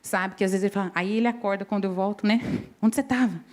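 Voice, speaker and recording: Speaking rapid-fire in a mid-range voice with fairly even intonation, a middle-aged woman delivers a sermon at a women's service in church. She tells personal stories in a conversational style and regularly checks in with her listeners.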